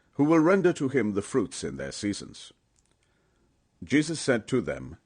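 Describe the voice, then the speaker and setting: An audiobook narrator with a fairly low male voice reads scripture solemnly and emphatically, in the manner of formal storytelling. His widely moving intonation gives the reading an animated, dramatic shape.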